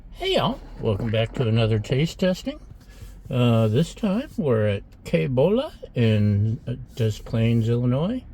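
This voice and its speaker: A man's voice: mid-range voice, huge pitch swings, a little slow, warm tone, slight background noise. A middle-aged man hosting a casual food taste-test vlog in a restaurant, chatty and rambling as he eats between sentences. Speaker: food vlogger.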